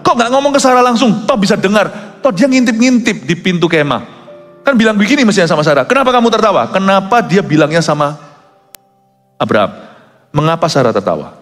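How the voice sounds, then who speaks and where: Animated preaching man in a reverberant hall. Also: high voice, a little fast. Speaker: pastor. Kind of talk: sermon. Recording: long hall reverb with soft music behind.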